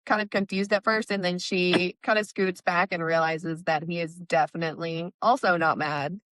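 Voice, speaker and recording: A woman's voice: lowish voice, fairly even intonation, moderate pace, a bit bright, no room sound. A woman co-hosting a podcast, chattily recapping a book over a remote call, with plenty of "like" and "um". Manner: chatty retelling, frequent "like" and "um". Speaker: podcast co-host. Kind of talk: casual book-recap chat.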